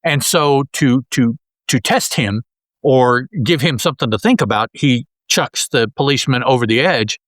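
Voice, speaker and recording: A man with a mid-range, somewhat bright voice co-hosts a casual comic-book podcast, describing panels in a rambling manner full of restarts. The recording is dry and rough.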